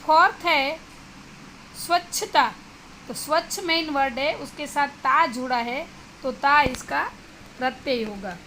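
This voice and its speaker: A woman with a Gujarati accent, teaching Hindi and explaining an exercise to students slowly and steadily, slipping English words into her Hindi. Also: sits high, bright, forceful tone, slight background noise, poor audio.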